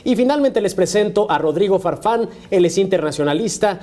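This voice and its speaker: A man's voice: sits high, expressive, fairly quick, mellow. A man presenting a current affairs panel show in a formal television style, as its host.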